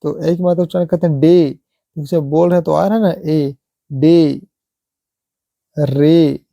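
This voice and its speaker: A man teaching English pronunciation, repeating example words slowly and asking rhetorical questions. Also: fairly high pitch, fairly even intonation, vocal fry, dark tone, no room sound, highs cut off. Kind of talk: slow classroom explanation.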